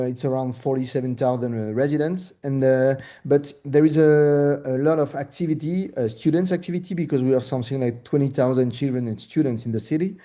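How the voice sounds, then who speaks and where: A man with a French accent walks through his local property market over a video call. His voice is very dark and mellow, and he hesitates often, restarting phrases. The sound is plain call audio. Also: medium pitch. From France. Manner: hesitant, many fillers and restarts. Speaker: real estate broker presenting his market.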